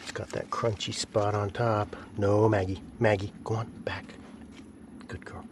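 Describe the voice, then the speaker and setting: A man casually narrating his camp cooking outdoors by a creek, chatting to himself and his animals in a relaxed way. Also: lowish voice, normal speed, noisy background.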